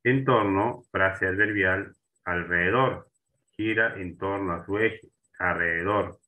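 Slow, bright-voiced male grammar teacher. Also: low voice, low-quality recording. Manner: slow and repetitive, restarting words and asking for agreement. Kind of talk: grammar lesson.

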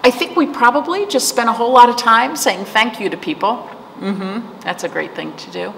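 A middle-aged children's librarian, seated in a small library room, hosts virtual storytime, reading and rhyming for young kids while explaining plainly and asking them questions. Her voice is fairly high, creaky, and a bit bright, at a moderate pace. The audio is echoey with background noise.

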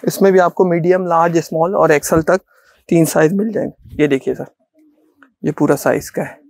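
Middle-aged male shopkeeper, Pakistani Urdu accent, insistent repetitive sales talk, fairly high voice, dry shop recording. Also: fairly even intonation, moderate pace, gravelly, darkish tone, dry recording. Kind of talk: sales pitch to a vlogger. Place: small indoor clothing shop.

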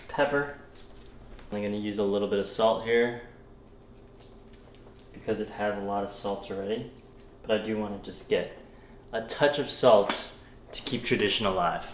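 A man's voice: on the low side, background noise. A young man hosting a home cooking tutorial, upbeat and enthusiastic as he talks through each step in his kitchen. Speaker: cooking show host. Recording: roomy kitchen with background music.

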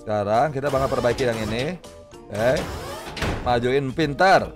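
A man's voice: medium pitch, moderate pace. A young man giving playful, exclamatory, slangy commentary on a video game, often repeating his words. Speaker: gamer, video host. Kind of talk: casual gameplay commentary. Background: game music.

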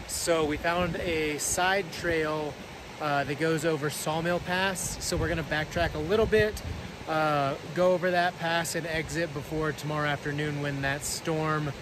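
A man in his thirties talks into a phone held at arm's length outdoors on a mountain trail. He speaks in a halting, casual vlog style, full of fillers and restarts, with clear background noise behind him. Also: a little high. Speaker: hiking vlogger. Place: outdoors on a mountain trail, later indoors in a room.

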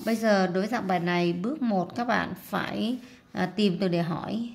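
Gravelly-voiced woman teacher, chatty and patient. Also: medium pitch. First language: Vietnamese. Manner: chatty, thinks aloud with many fillers; spells out English words slowly. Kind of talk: workbook lesson walkthrough.

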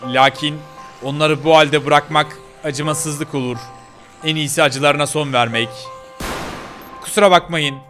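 A man's voice: on the high side, fairly even intonation, a little slow, a bit bright, faint music behind. A man voicing a brave, determined young girl in a game role-play, bossy and urgent as she scolds her companion.

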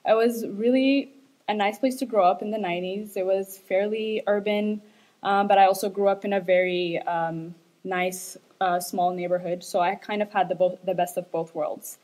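A young woman from Ethiopia gives an academic talk as a graduate student. Her delivery is hesitant, with many fillers and small laughs, at a middling pitch. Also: fairly even intonation, moderate pace, darkish tone. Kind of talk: academic presentation.

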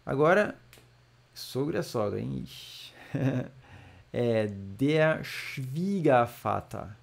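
Male teacher, unhurried, gravelly voice, casual classroom delivery. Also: medium pitch, lively intonation. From Brazil. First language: Portuguese. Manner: slow, drawn-out model pronunciation with chatty asides. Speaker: German teacher. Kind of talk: casual language lesson.

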